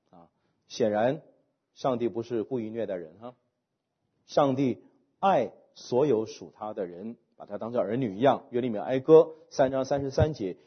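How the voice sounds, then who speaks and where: A male pastor preaching a sermon, asking rhetorical questions and letting his phrases fall away softly at the ends. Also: medium pitch, slightly rough, muffled recording.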